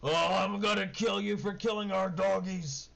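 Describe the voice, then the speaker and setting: A man's voice: high-pitched, normal speed, creaky, fairly bright tone, pitched above the performer's own voice, full character voice. A man voicing a big, dim, melodramatic ogre in a tabletop game, wailing and vengeful. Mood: vengeful anger. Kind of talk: tabletop game role-play. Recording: dull lo-fi mic, noisy.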